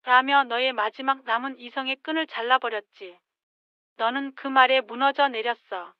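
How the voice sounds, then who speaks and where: A woman in her sixties narrating a scripted story in a gentle, rueful tone, as if writing to her younger self. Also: high voice, steady tone, moderate pace, clean tone, no room sound. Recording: dull lo-fi dry sound.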